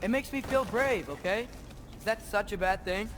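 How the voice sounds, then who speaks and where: High-voiced, earnest teenage adventurer. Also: male voice, expressive, moderate pace, background noise. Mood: defensive, determined. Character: earnest, stubborn teenage boy adventurer in a fantasy game. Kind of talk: video game dialogue.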